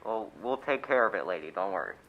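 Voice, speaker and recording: A man's voice: on the low side, animated, quick pace. A man playing an unimpressed, patronising police desk officer in a suspense radio play, matter-of-fact, with muffled sound. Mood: bored, placating.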